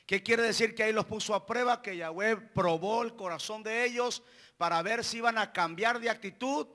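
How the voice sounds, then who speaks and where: Male preacher, high and bright, passionate sermon delivery that swells into shouting. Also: moderate pace. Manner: impassioned, repetitive, rising to shouts. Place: church hall.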